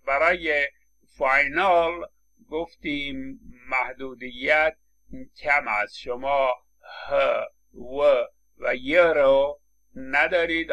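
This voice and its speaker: A man's voice: mid-range voice, sharp tone. A man lecturing on English phonetics, explaining step by step with frequent hesitation fillers. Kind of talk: university lecture.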